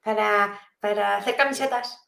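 A woman's voice: medium pitch, steady tone, moderate pace, gravelly, a bit bright. Woman, casual joking chat, laughs easily, echoey room. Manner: laughs often, loose and joking. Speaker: guest philosopher answering questions. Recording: roomy echo with faint noise.

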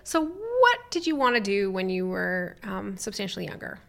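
A woman's voice: mid-range voice, huge pitch swings, moderate pace, gravelly, a bit bright. Woman interviewer chatting casually in a garage. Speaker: podcast co-host and interviewer. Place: recorded in a friend's garage during a barbecue.

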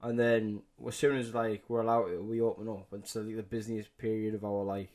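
A young man co-hosting a podcast, talking in an animated way, swearing often and laughing along. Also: on the low side, fairly quick. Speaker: podcast co-host. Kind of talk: casual chat.

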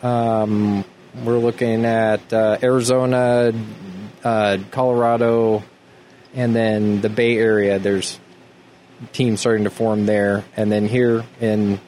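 A man chatting casually as a guest, explaining things in a halting, self-correcting way. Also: on the low side, little pitch movement, darkish tone. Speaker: guest, tattoo artist and sports club organiser. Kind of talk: casual chat. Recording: noisy room with clear background ambience.

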